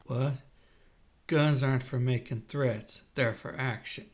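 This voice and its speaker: A man voicing a calm, cool-headed adult pirate captain, speaking slowly. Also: close to an everyday voice. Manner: calm, slow, low.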